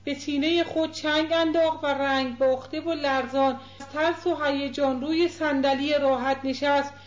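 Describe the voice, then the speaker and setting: A woman narrating a novel as an audiobook in a measured, even reading. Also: sits high. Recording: dull echoey recording.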